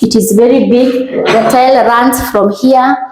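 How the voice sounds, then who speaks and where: Inside an unfinished house, a woman with a Kenyan accent gives an informal, unscripted house tour in a fairly high, steady voice at a measured pace. She speaks approvingly as she shows off feature after feature, with a crowd in the background and low-quality recording.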